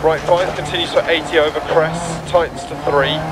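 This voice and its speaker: Loud engine and tyre noise surrounds a focused male rally co-driver played by an actor in a racing game. He calls rapid pace notes in a slightly high voice. The phrases are clipped, businesslike and urgent. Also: flat delivery, close to an everyday voice. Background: racing car engine, gravel and tyre noise.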